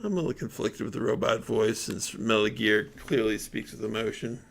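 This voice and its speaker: A man's voice: fairly low pitch, brisk, vocal fry, husky. A man streaming a game, reading dialogue aloud with chatty asides.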